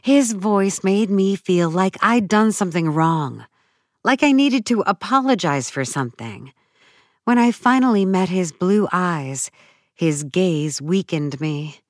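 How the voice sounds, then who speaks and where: A woman narrating a first-person audiobook story in a measured, dramatic way. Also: lowish voice, animated, dry recording, clean studio sound.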